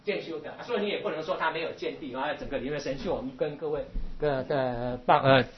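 A man lecturing on Buddhist scripture, talking haltingly with many repeats and filler particles. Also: fairly high pitch, slight background noise. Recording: dull lo-fi recording.

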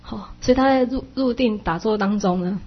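A woman giving an explanatory Buddhist dharma talk, chatty and full of soft sentence-ending particles. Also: medium pitch, moderate pace, husky, highs cut off.

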